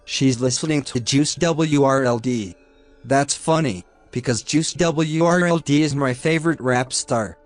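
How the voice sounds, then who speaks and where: A man narrating a first-person horror story in a steady, scripted storytelling delivery. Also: medium pitch, unhurried. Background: faint music.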